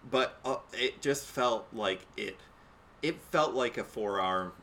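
A man's voice: mid-range voice, expressive, slow pace, bright, forceful tone, slight background noise. A man co-hosting a podcast, talking in a laid-back, wry way and laughing often. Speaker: podcast co-host. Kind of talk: casual chat.

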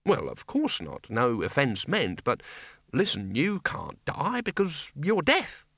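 A man's voice: medium pitch, huge pitch swings, takes it slowly, creaky, fairly bright tone, dry recording, clean studio sound, pitched above the performer's own voice, full character voice. A man voicing an old, fawning male servant who talks nervously, pleading and stammering in an audiobook reading. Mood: anxious.

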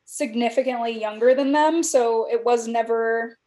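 A woman's voice: a little high, moderate pace, dark tone. A woman in her thirties from California, reflective in casual chat, reading aloud from her old journals and using frequent "like" fillers.

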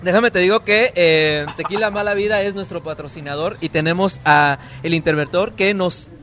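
A man's voice: high voice, moderate pace, fairly bright tone, faint music behind. A man with a Mexican accent hosting a casual live radio interview from a bar inside a casino hotel, with playful, teasing banter. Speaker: radio host.

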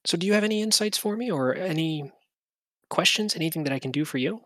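An obliging woman shopkeeper who answers earnestly and keeps offering help, voiced by the game master. The voice sits at a middle pitch and sounds close and dry. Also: lively intonation, fast, a bit bright, no room sound, lightly acted. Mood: helpful.

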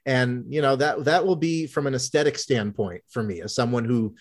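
A man's voice: medium pitch, moderate pace. A man in his thirties co-hosting a sports podcast, talking in a wry, rambling, self-deprecating way. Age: 30s. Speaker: podcast co-host. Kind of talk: casual sports chat.

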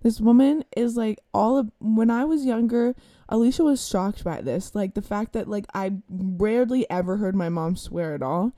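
A young woman co-hosting a podcast, telling stories in casual chat with an amused, lively manner. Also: mid-range voice, normal speed, no echo, studio quality. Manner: lively and amused, breaking into laughter. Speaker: podcast co-host.

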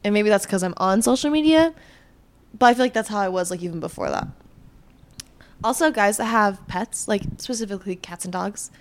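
A woman's voice: medium pitch, brisk. A young woman co-hosting a podcast, chatting casually and telling stories with bursts of laughter. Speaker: podcast co-host. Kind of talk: casual chat.

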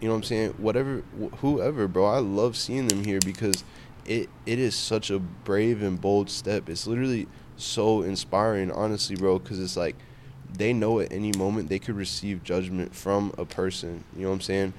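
Casting: man, low register, loose slangy conversational delivery on faith, light street noise behind. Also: fairly even intonation, normal speed, a little mellow. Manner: informal slangy talk, peppered with "bro" and "you know what I'm saying". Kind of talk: casual faith discussion.

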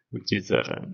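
A man hosting a casual interview podcast, speaking slowly and softly in a reflective way. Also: fairly low pitch, creaky, slightly rough. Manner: slow, soft, reflective, gentle laughs. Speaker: podcast host. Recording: muffled lo-fi recording.

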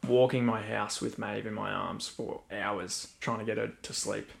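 A young man co-hosting a podcast, chatting in a relaxed, easygoing way. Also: fairly low pitch, normal speed, creaky. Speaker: podcast co-host. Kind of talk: casual chat.

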